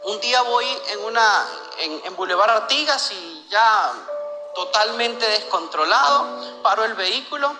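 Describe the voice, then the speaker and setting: A man from Venezuela, giving a personal religious testimony in an earnest, halting way, often repeating words. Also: sits high, animated, long reverb tail, over music.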